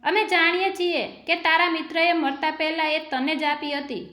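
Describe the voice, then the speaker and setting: A woman's voice: extremely high pitch, fairly even intonation, normal speed, bright, forceful tone. A woman voicing a threatening male thug in a spoken story. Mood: menacing. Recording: echoey room with faint music.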